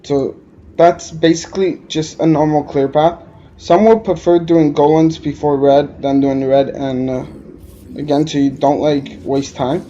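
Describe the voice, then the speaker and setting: Commentating on a game in a measured, mellow voice on the high side with little pitch movement, an Alberta man rambles and hesitates, using many "uh" fillers. His accent is Quebec French-tinged. The audio is dull, with slight background noise.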